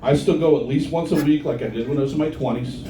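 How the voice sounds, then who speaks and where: A man's voice: fairly high pitch, fast, noisy background. A middle-aged man doing a crude, punchy stand-up comedy set and bantering with the crowd in a comedy bar. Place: comedy bar with a live audience. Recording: roomy live club sound from a distance. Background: audience laughing.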